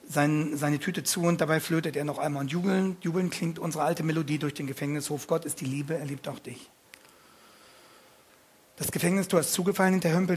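A man retelling a story in a relaxed way, with frequent hesitations, moving between his own words and first-person reading. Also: on the high side, breathy edge.

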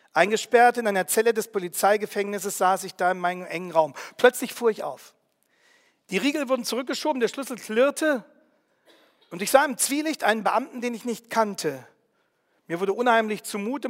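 A man narrating a first-person story in an earnest, vivid way, with quiet emotion. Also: sits high, in a large hall.

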